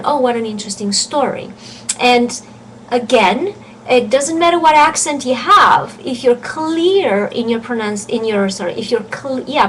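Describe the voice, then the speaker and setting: A woman gives an online pronunciation lesson in a fairly high voice. She talks earnestly, restarts her sentences and drawls out each vowel as she shows it. A faint hiss sits behind her. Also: fairly bright tone, rough recording. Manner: earnest, restarts often, slows down to demonstrate vowel sounds. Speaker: French teacher.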